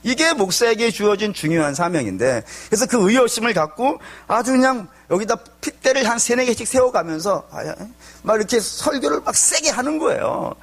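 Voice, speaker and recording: A male pastor delivers a midweek sermon in an animated storytelling manner, firing off rhetorical questions. His voice sits high and husky, and his pitch rises and falls a lot. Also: fairly quick.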